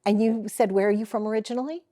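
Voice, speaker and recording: Mid-range, steady, and mellow, this St. Louis woman talks fast as she hosts a casual talk-show interview, questioning her guests in a gushing, effusive manner.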